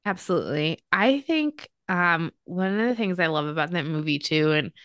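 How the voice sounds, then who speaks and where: A woman's voice: on the low side, animated, moderate pace, a bit bright, no echo, clean studio sound. A woman co-hosting a podcast, chatting casually and gushing about a book's film adaptation with lots of fillers. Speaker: podcast co-host. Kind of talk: casual book and film chat.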